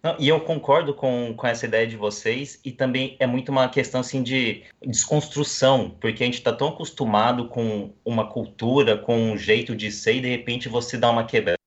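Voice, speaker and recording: A man's voice: medium pitch, brisk, hardly any pauses, muffled recording. A man from Brazil musing thoughtfully as a panelist in a casual chat.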